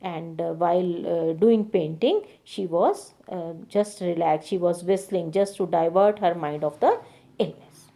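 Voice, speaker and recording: A woman's voice: lowish voice, a little slow, vocal fry, dark tone. A woman teacher reading a story aloud and then retelling each passage in simpler words, with frequent fillers.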